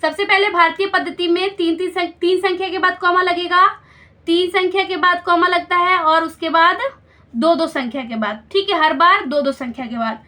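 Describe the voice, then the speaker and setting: Bright high-voiced woman teaching maths. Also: fairly even intonation, normal speed. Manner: patient, explains each step and checks with questions. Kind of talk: step-by-step maths lesson.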